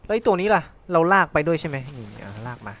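A man's voice: on the high side, sing-song, quick pace, a bit bright. A man streaming a video game, thinking aloud and exclaiming as he plays. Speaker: gameplay streamer. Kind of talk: casual let's-play commentary.

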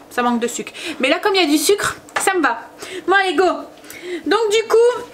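A woman's voice: high-pitched, a bit bright, slight background noise. A woman, a mother and family vlogger, chatting casually to camera from her home kitchen in a rambling way, full of hesitations.

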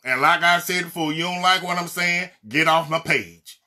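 Fiery Mississippi preacher man, sharp voice. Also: on the high side, normal speed. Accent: Mississippi Southern US. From Mississippi, USA. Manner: fiery, blunt, emphatic, repeating refrains. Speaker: evangelist minister. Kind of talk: impassioned social media sermon.

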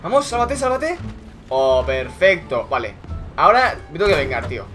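A young man giving excitable, swearing live commentary over his own gameplay, yelling when he scores. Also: fairly high pitch, moderate pace. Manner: excitable, swearing, shouting at kills. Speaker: gaming YouTuber. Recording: music in background.

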